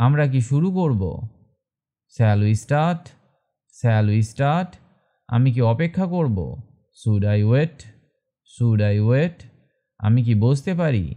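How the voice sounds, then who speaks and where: Slow, mellow male teacher. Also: mid-range voice, dull audio. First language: Bengali. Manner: slow, deliberate drilling of short phrases. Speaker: English teacher. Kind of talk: scripted language lesson, repeating each phrase twice.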